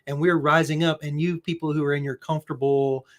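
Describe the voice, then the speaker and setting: Higher-voiced man explaining on a podcast. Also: level tone, fairly quick. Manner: explanatory, says "right?" and "you know" often. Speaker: podcast co-host. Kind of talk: casual conversational discussion.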